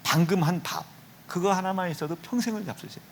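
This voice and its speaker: A man's voice: high-pitched, fast talker, slight background noise. A middle-aged man from Chungcheong preaching a revival sermon in a church, joking and teasing members of the congregation by name. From Chungcheong, Korea. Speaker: pastor. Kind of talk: revival sermon with humorous anecdotes. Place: church sanctuary.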